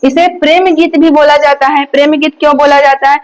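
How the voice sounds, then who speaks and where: A woman teaches an exam-coaching lecture in a high voice. She explains patiently, repeats the key points and asks her students rhetorical questions. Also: fairly even intonation, brisk, low-quality recording.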